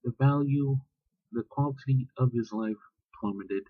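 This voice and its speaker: Slow, blunt, profane man ranting. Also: mid-range voice, no echo, phone-quality sound. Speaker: vlogger. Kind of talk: casual spoken rant.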